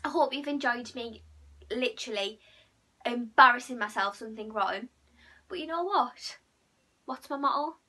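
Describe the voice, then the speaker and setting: A woman's voice: fairly high pitch, moderate pace, pauses often, sharp tone. A young woman with a Teesside accent, vlogging in casual, chatty talk that is full of "like" and "you know what I mean". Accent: Teesside (Middlesbrough). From Middlesbrough, England. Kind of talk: casual chat to camera.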